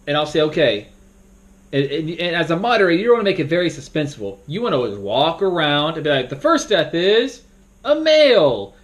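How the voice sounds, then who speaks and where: A young man casually walking through how to moderate a party game, rambling and now and then bursting into loud acted-out announcements. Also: on the high side. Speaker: game moderator teaching a tutorial. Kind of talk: casual instructional talk.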